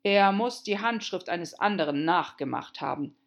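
A woman voicing a pompous storybook king who speaks slowly and weightily. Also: on the low side, animated, creaky, highs cut off. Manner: self-important, ponderous. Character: pompous, fretful king of a card court.

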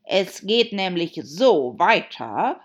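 A gloomy, quarrelsome hatter speaks slowly and heavily, pressing on each word with loud sighs, as a woman puts him on in an audiobook. The voice is slightly husky. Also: fairly low pitch, very animated, pitched above the performer's own voice, heavily acted. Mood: sing-song. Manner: slow, emphatic, sighing. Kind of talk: audiobook character voice.

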